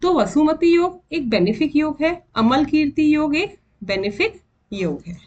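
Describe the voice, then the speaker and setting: A woman with an Indian accent teaching astrology in a slow, deliberate way, counting out and repeating terms as she explains. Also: sits high, sing-song, a little mellow, muffled recording. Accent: Indian English mixed with Hindi. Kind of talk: explanatory lesson.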